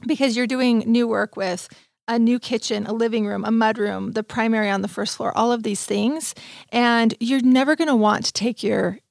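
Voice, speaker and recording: A woman's voice: fairly high pitch, fairly even intonation, moderate pace, creaky, darkish tone, no echo, clean studio sound. A woman hosting an advice show's next-episode teaser, talking in an informal, plainspoken way. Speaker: host giving advice.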